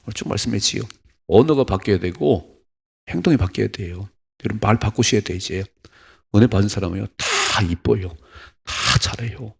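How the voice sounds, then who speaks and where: A man's voice: on the low side, normal speed, vocal fry, breathy edge. A man preaching an early-morning church sermon in a folksy, urging way, acting out little everyday scenes for the listeners. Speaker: pastor. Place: church sanctuary.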